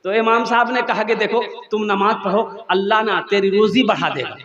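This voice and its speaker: A man's voice: high voice, brisk, fairly bright tone. A male Islamic preacher telling humorous stories in a sermon, singing refrains and prompting the crowd to answer. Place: religious gathering. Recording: echoey, dull lo-fi PA sound.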